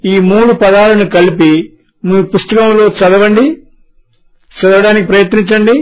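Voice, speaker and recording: A man teaching a beginners' reading lesson, spelling words syllable by syllable and stretching them out slowly. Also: high-pitched, little pitch movement, rough recording.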